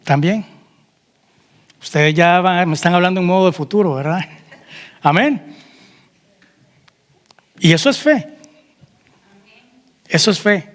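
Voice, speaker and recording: A man's voice: high-pitched, slow pace, long pauses, big-room sound. A man preaching a sermon as pastor, asking the congregation questions and calling out amen. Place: church hall.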